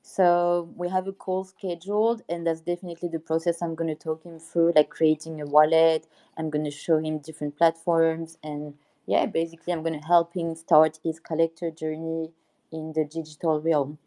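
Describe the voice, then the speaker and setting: A woman's voice: low-pitched, flat delivery, moderate pace, warm tone. A woman speaking as a guest in a casual live audio chat, upbeat and enthusiastic. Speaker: guest, art curator.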